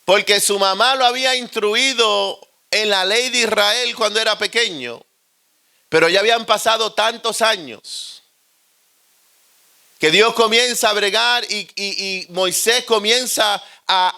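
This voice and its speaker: A man with a Puerto Rican accent preaching a humorous storytelling sermon, animated and joking. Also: sits high, measured pace.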